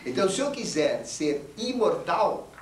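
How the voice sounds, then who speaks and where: A man's voice: sits high, sing-song, measured pace. A man giving an esoteric lecture, retelling myths in a storytelling manner with frequent "né?" tags. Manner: storytelling, acts out quoted lines, frequent "né?" tags. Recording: echoey room, distant mic, faint hiss.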